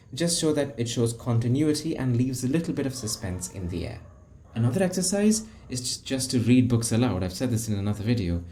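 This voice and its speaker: In a video lesson on public speaking, a young male coach with a mid-range voice explains tone variation and then demonstrates it, raising and lowering his volume for emphasis. There's slight background noise in this instructional talk.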